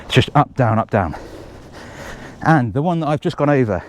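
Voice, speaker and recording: A man's voice: mid-range voice, lively intonation, moderate pace, a little hiss or hum. A man organising a race, chatting casually and out of breath as he runs a forest trail, rambling with jokey asides. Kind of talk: casual running commentary.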